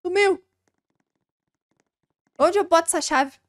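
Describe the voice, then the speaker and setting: Jumpy high-voiced woman streamer. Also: animated, measured pace. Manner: jumpy, squeals and shouts when scared, laughs nervously. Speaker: gaming streamer. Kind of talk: casual let's-play commentary.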